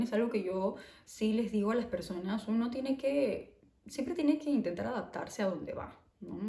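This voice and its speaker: Speaking with a mellow, medium-pitched voice in an echoey room, this Peruvian vlogger has a Peruvian Spanish accent. Her vlog is casual, chatty and reflective, and she frequently adds "¿no?" to the end of her phrases.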